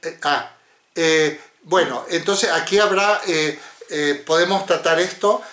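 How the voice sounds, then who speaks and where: A man's voice: a little high, takes it slowly, fairly bright tone. A man moderating a philosophy seminar over a video call, talking in a discursive way and often ending with tag questions. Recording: roomy echo.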